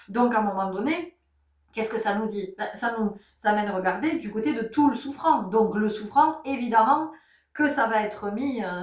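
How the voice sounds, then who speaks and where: An emphatic woman delivers a spiritual teaching talk to her listeners, coming back to the same words again and again and asking question after question. Her voice sits in the middle of the range for a woman. It is recorded from some distance in a roomy, echoing space. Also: mid-range voice. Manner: emphatic, repeats key words, many rhetorical questions; says she is not giving medical advice. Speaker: spiritual channel host. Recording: roomy sound, voice set back from the mic.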